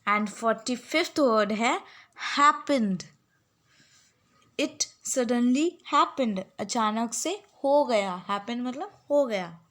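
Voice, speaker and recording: A woman's voice: a little high, slow pace, fairly bright tone. A young woman teacher giving a spelling lesson, dictating words and spelling them out letter by letter. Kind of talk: spelling lesson for exam students.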